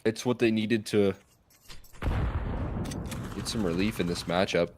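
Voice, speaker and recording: A man giving live esports commentary and analysis as a co-caster, with animated, dramatic phrasing. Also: lowish voice, a little slow, noisy background.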